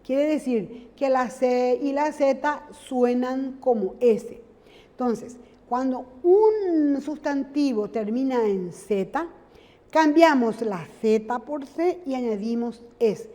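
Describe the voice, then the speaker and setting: A woman's voice: high-pitched, expressive, slow pace, mellow, big-room sound. A woman from Latin America teaching a recorded grammar lesson, explaining patiently step by step and checking in with her students.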